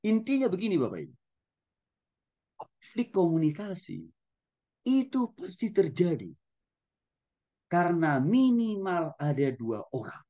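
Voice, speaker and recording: Gentle male pastor lecturing. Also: high voice, huge pitch swings, a little slow, long pauses, highs cut off. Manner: addresses listeners often, frequent affirming "ya"; soft-spoken, gentle. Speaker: pastor and teacher. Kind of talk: conversational Bible-school lecture.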